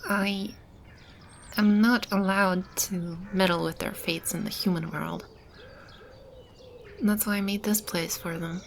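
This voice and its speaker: A woman plays a kind, protective demon sheltering a lost child in an ASMR roleplay, her soft, breathy voice warm and confiding. The pitch is medium and fairly even, the reassurance unhurried, with occasional whispers, ambient sound effects and a slight hiss or hum.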